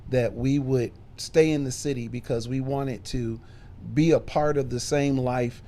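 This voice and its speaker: A middle-aged bishop and minister speaks in a mid-range, steady, dark-toned voice at a slightly slow pace. Born in Chicago and raised in Detroit, he recounts his life story in a casual podcast interview, using frequent fillers.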